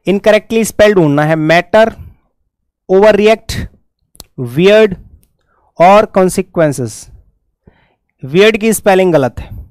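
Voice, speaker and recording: Man, Hindi accent, exam-prep English lesson, brisk and coaxing, high voice, smooth tone. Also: darkish tone, no echo. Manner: brisk, coaxing students to answer fast. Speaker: English teacher.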